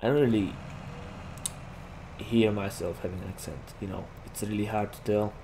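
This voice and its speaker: A young gaming YouTuber from Slovakia, Slovak-accented, rambles chattily over his gameplay with lots of "like." His voice is fairly low, steady, and warm at a moderate pace, on a low-quality recording with game vehicle noise behind it.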